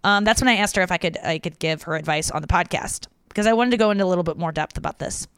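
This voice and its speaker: A woman's voice: lowish voice, racing, a bit bright, smooth, no room sound. A woman hosting a podcast, chatting frankly with plenty of swearing and reading listener messages aloud. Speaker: podcast host. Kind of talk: casual chat.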